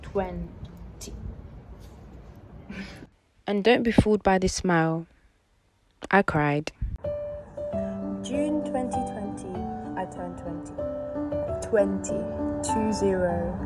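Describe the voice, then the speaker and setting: Over prominent background music, a vlogger in her early twenties reflects on personal matters, taking it slowly and pausing often in a medium-pitched voice.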